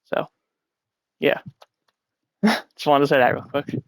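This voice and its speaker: This podcast host talks slowly in a voice on the high side, with vocal fry and no room sound. He's coming down with a cold and has a stuffy nose while chatting casually at home about wrestling. His reviews ramble, drip with sarcasm and often turn annoyed.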